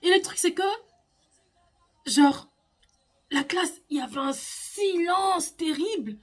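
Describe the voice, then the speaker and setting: A young woman vlogger telling a personal story in a casual, animated way, sometimes stammering. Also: extremely high pitch, slow.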